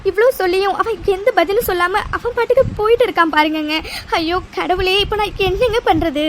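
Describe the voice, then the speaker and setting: A woman voices a middle-aged cartoon mother who is close to tears and cannot accept her son's decision. The voice sits very high and the words come fast. A faint hiss runs under the recording. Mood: tearful. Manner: pleading, emotional. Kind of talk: cartoon voice acting.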